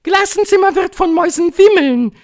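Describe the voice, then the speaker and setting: A man voicing a cruel old female witch queen, shrill and commanding, gloating in clipped declarations for an audiobook. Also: animated, moderate pace, darkish tone. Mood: triumphant, thundering. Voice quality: shrill, thundering. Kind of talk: audiobook reading.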